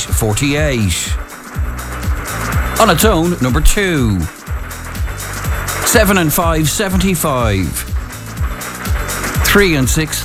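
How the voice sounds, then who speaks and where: Male Irish radio bingo caller, slightly high-pitched, calling numbers over music. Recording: music bed behind voice.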